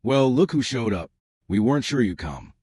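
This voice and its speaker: A man's voice: medium pitch, sing-song, normal speed, darkish tone, husky, no room sound, studio quality. A man reading the lines of a proud, somewhat awkward middle-aged father in a narrated story. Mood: jovial. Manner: jovial, a bit awkward.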